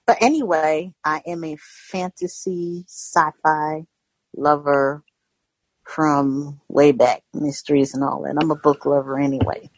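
A woman's voice: low-pitched, steady tone, measured pace, a little mellow, no room sound, poor audio. An American woman chatting casually in a rambling, folksy way. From Georgia and various parts of the US. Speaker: book club member, first-time participant. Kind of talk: casual chat.

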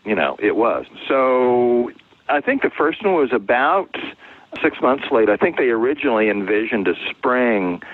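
Interviewed as a novelist, a man with a mid-range, sing-song voice talks at a moderate pace, explaining his points through anecdotes in a conversational way. The recording is dry, narrow-band and phone-like.

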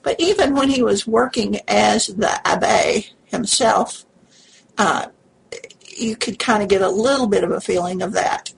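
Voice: medium pitch, a little slow, creaky, slight background noise, poor audio. A person in a casual book discussion, hesitant and searching for words.

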